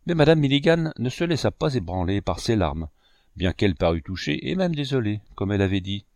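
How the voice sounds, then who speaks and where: A man narrating a classic novel as an audiobook, measured and expressive, on a close mic. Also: fairly low pitch, no echo. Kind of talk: scripted narration.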